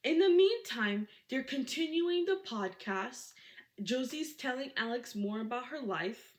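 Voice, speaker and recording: A woman's voice: high-pitched, lively intonation, unhurried. A woman giving a casual, dramatic book recap, full of rhetorical questions.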